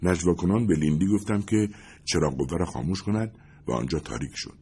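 A very deep, husky male voice reads a first-person story in a measured, suspenseful way. His pitch moves a lot, rising and falling with the tension of each sentence. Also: expressive, a little mellow. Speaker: audiobook narrator.

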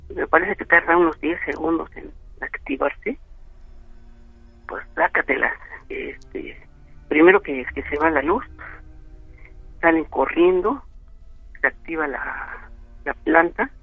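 A man's voice: a little high, slow pace, gravelly, long pauses, breathy edge, dry recording, soft background music. A Mexican man telling a spooky story over the phone, rambling with many fillers. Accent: Mexican Spanish. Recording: tinny phone line.

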